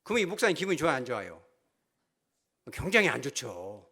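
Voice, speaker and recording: A man's voice: mid-range voice, sing-song, fast, sharp tone, breathy edge. A male pastor preaching a sermon, telling a story with animation and putting questions to the congregation.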